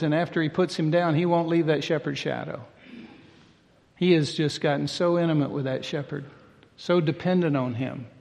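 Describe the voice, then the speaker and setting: A man's voice: a little high, creaky, big-room sound. An older man preaching a sermon as pastor, in a folksy, conversational way with plain everyday talk.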